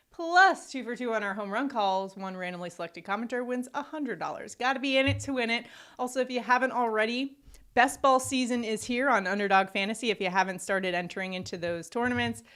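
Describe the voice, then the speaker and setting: A woman's voice: mid-range voice, a bit bright. A woman co-hosting a sports betting show, running through baseball stats and picks in an upbeat, stat-heavy delivery.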